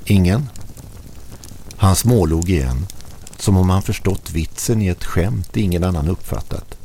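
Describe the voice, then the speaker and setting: Deep, dark-voiced male narrator. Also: slight background noise. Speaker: audiobook narrator. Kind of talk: first-person story narration.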